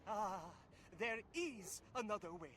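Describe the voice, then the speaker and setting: A man's voice: high voice, animated, unhurried, a bit bright, slight background noise. An actor playing an earnest, stranded nobleman in a video game, speaking formally. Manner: formal, old-fashioned phrasing.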